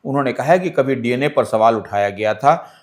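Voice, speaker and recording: A man's voice: mid-range voice, animated, a little fast. A man analysing politics on a news discussion, explaining at length and emphatically. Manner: explanatory, emphatic, asks listener to decode.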